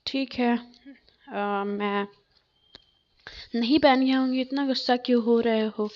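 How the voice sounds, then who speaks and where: A woman voicing a gentle young woman who answers defensively and pleadingly in a storybook reading. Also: on the high side, steady tone, slow pace, muffled recording, slight background noise.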